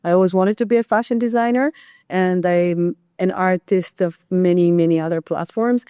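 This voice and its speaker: A woman from Israel, a real estate agent guest on a podcast, talking conversationally with many ums and pauses. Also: on the low side, mellow, clean tone, dry recording. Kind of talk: podcast interview.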